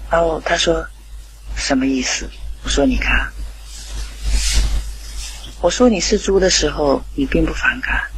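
A middle-aged woman telling a family anecdote, lively and quoting the dialogue in character. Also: sits low, a little hiss or hum, rough recording. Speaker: parent. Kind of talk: storytelling anecdote.

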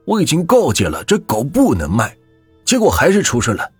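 A man voicing an old village ceremony master who gives grave, slow advice. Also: fairly high pitch, wildly swooping pitch, slightly rough, no room sound, faint music behind, pitched above the performer's own voice, exaggerated voice. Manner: solemn, slow, advising.

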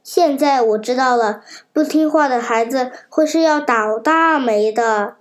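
A woman's voice: sits high, measured pace. A woman voicing an impulsive, remorseful wooden puppet boy in a storybook reading.

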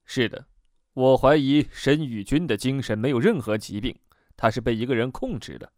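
A man reading the lines of a calm, determined woman hypnotist in an audiobook, in a low and measured way. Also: no echo, clean studio sound, lightly acted. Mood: steady.

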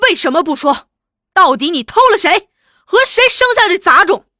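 A woman voicing a furious, hot-tempered husband who shouts accusations in a storybook reading. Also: high voice, very animated, measured pace, no room sound, clean studio sound, exaggerated voice.

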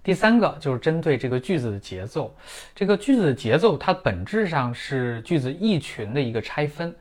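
A middle-aged man, a native Chinese speaker, teaching German pronunciation in a clear, methodical lesson full of everyday comparisons. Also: fairly high pitch, big pitch swings, fairly quick. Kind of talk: scripted lesson in Mandarin.

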